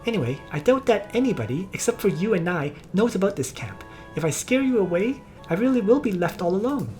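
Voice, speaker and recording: A woman voicing an excitable young female mage who scolds, whines and gets flustered, reading game dialogue aloud. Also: mid-range voice, brisk, soft background music, pitched above the performer's own voice, lightly acted. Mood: scolding. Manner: whiny, scolding, easily flustered.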